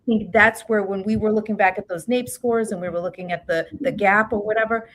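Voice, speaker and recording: A woman with a New York accent, a guest expert in an interview, talking in halting starts and restarts with frequent tag questions. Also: medium pitch, steady tone, a bit bright. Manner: halting, many fillers and restarts, "right?" tags. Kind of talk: interview conversation.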